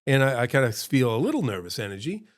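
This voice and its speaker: A man at an ordinary, middle pitch tells a story in a loose, rambling way. He jumps sharply upward when he acts out what people said, then drops back into casual chatter. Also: big pitch swings, fast talker. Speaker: restaurant owner and show host.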